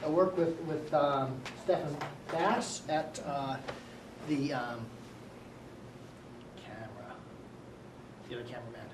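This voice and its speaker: A man lecturing a university class, talking quickly and excitedly and often checking in with "right?". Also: mid-range voice, recorded from a distance. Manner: fast-talking, excitable, many "right?" tags. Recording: echoey classroom recorded from afar, noisy.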